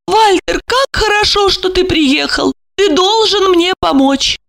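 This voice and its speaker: Woman playing a high, sighing, affected rich widow. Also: unhurried, gravelly, a bit bright, heavily acted. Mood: plaintive.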